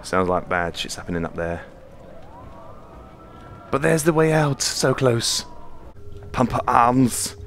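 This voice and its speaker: A man's voice: mid-range voice, sing-song, slow, long pauses, fairly bright tone, a little hiss or hum. A man commenting on a horror game as he plays it, jumpy, swearing often and laughing nervously. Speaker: VR gameplay channel host. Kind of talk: live gameplay commentary. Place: home room, playing on the floor.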